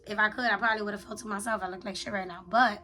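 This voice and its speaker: A woman's voice: medium pitch, fairly even intonation, very fast, pushed and bright. A woman talking candidly in a confessional vlog, with a raw, unfiltered, sweary and slangy way of speaking. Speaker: vlogger, spiritual journaler.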